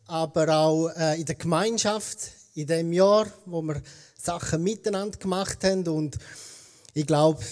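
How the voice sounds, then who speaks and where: Preaching as a guest pastor, a man from eastern Switzerland delivers his sermon in standard German, his Swiss accent clear. He speaks unhurriedly in a voice on the high side with a darkish tone, telling stories in a chatty way and fixing his own wording along the way.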